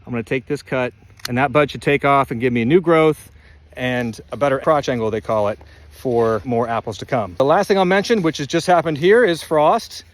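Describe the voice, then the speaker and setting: A man's voice: medium pitch, brisk. A man who farms an orchard, giving practical, down-to-earth advice on caring for fruit trees while standing outdoors among them. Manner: plain-spoken, down-to-earth. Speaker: orchard farmer.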